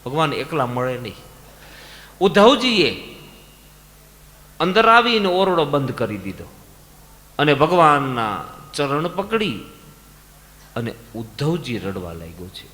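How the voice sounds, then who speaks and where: A man with a Gujarati accent preaching a devotional sermon, telling sacred stories with dramatic swings between loud calls and soft low lines. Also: sing-song, a little slow, pauses often. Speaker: katha preacher. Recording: long reverb, music behind, live event. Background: musical instruments.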